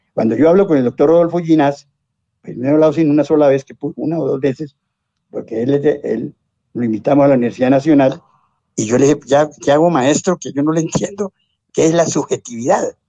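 A man's voice: mid-range voice, warm tone, breathy edge, no echo, lo-fi sound. An older man with a Colombian accent, a lawyer giving a rambling, anecdotal interview full of asides and self-corrections. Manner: discursive, tag questions and exclamations, self-corrects. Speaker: lawyer and science popularizer, interview guest.

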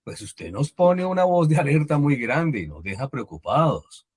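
A man's voice: a little high, sing-song, normal speed, a little mellow, slightly rough, dry recording, clean studio sound. A male host, asking long, repetitive questions and tripping over his words. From Colombia. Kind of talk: interview questions.

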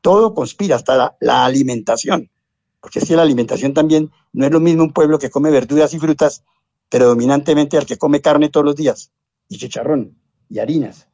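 Older Colombian man, mellow and dry. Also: on the high side, a little fast, no echo, highs cut off. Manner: discursive, tag questions and exclamations, self-corrects. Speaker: lawyer and science popularizer, interview guest. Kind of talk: rambling anecdotal interview talk.

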